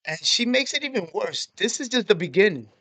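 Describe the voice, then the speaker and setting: Give me a blunt man doing reaction commentary, fairly high voice, dry sound. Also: big pitch swings, fairly quick, sharp tone, dry recording. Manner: blunt, profane, matter-of-fact. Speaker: reaction video host.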